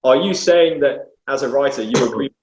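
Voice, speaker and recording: A man's voice: mid-range voice, moderate pace, background noise. A man in a casual podcast discussion who recounts things he has read in a meandering way. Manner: relays anecdotes, meandering. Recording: roomy dull lo-fi audio.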